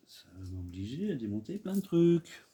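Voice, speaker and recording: A man's voice: mid-range voice, very animated, normal speed, warm tone, slight background noise. A man chatting casually while building a Lego set, rambling and hesitant, full of fillers and self-mocking asides. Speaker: Lego builder and video host.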